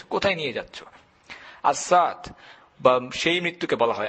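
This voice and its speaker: A man giving an earnest, measured religious lecture, stressing his points through repetition. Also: medium pitch, a bit bright, breathy edge. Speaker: Islamic lecturer.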